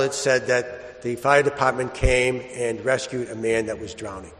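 A man, a priest, reading the gospel and preaching in a large church, telling stories plainly with some restarts. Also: medium pitch. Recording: long church reverb.

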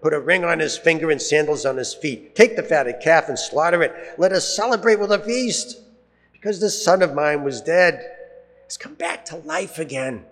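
A priest reads the Gospel aloud at Mass in a measured way, letting the ends of his phrases fall low and slow, his voice carried by a long cathedral echo. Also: a bit bright. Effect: cathedral echo, long church reverb. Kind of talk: liturgical Gospel reading. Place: large church. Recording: long reverb of a large church.

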